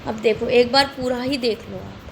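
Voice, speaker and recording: A woman's voice: fairly high pitch, moderate pace, vocal fry, slight background noise. A woman teaching a class who keeps asking her students questions and answering them herself. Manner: repeats questions back to students. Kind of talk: lecture.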